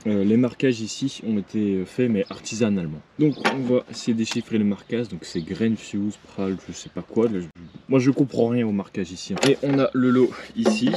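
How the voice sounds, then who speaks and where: A man, casually showing his militaria collection, hesitant with many fillers. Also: medium pitch. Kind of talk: casual show-and-tell vlog. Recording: clear background noise with clicks.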